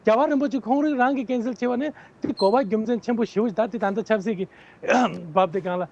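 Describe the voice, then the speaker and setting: High-voiced man on a muffled line. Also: brisk, darkish tone, slight background noise. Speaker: political candidate interviewed as guest. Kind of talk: answering interview questions at length.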